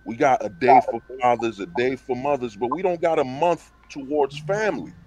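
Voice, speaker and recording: A man's voice: medium pitch, moderate pace, a little mellow. A man on a livestream panel talking casually and emphatically, full of slang and rhetorical questions over a call mic. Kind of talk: casual debate talk.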